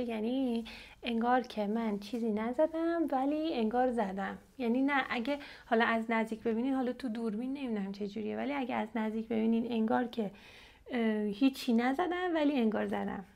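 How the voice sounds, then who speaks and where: A woman's voice: a little high, vocal fry. Chatty young woman from Iran. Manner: chatty, animated, addresses viewers directly. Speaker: beauty vlogger. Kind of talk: casual makeup unboxing chat. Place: at home, seated in front of camera.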